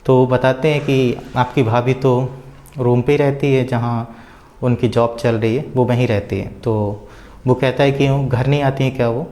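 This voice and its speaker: A man casually retelling a story out loud, with a rambling flow full of filler words and small hesitations. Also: medium pitch, little pitch movement, normal speed.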